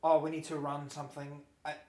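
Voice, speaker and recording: A man's voice: fairly high pitch, monotone, fairly quick, a little mellow. A man casually recounting anecdotes, informally quoting what people said. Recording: echoey room with faint noise.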